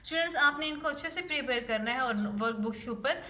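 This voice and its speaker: A woman with a Pakistani accent teaching a primary English class online, slowly explaining each point in English and Urdu. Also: high-pitched, bright, forceful tone. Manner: slow, explaining each word, switching between English and Urdu.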